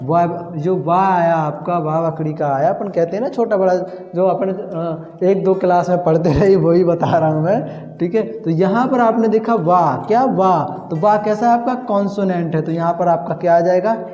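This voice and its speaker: A man's voice: high-pitched, normal speed, warm tone. Echoey Hindi-speaking grammar teacher, man. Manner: repetitive, quizzing himself with questions. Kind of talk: Hindi classroom lesson at a whiteboard. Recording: echoey room, dull lo-fi sound.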